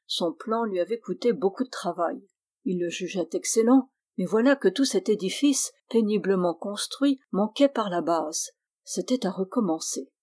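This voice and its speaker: A woman reading a classic novel aloud in a steady, measured narrating voice. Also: medium pitch. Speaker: audiobook reader.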